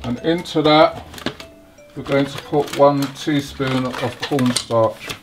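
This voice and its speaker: A man hosting a home cooking video, talking slowly and haltingly through each step of a recipe in his kitchen. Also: mid-range voice, steady tone. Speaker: cooking channel host. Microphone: off-camera, hands-only framing. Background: sizzling wok, faint music.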